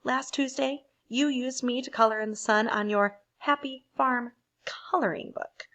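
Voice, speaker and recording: A woman's voice: on the high side, a little slow, a bit bright. A woman voicing an indignant, bossy crayon from a picture book, emphatic and boastful. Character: indignant bossy yellow crayon, sure it's right. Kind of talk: picture book read aloud.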